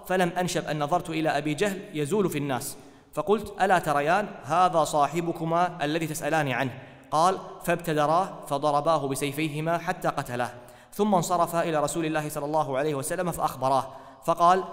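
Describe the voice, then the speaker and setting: A man reading religious texts aloud in a steady, formal way. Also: a little high, quick pace. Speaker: reader of hadith texts. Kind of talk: formal text recitation. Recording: hall with long reverb.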